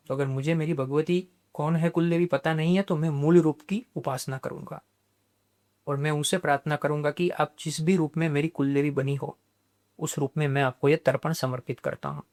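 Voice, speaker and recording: A man, a guest on a podcast, explaining spiritual practice in a measured way and dropping English terms into his talk. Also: on the high side, steady tone, a little mellow.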